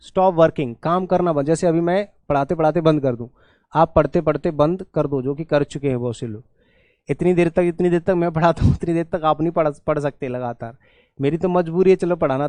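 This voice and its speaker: A man's voice: a little high, darkish tone, dry recording. A middle-aged Indian man, an English teacher, explaining exam idioms in an online class and mixing in Hindi with a teasing, scolding manner. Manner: switches between English and Hindi explanations, scolds students jokingly.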